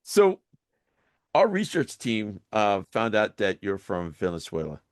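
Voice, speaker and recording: A man's voice: on the low side, huge pitch swings, unhurried, no room sound, clean studio sound. A man hosting a music podcast, laid-back and casual, dropping short reactions and questions. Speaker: podcast host. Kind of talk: casual interview chat.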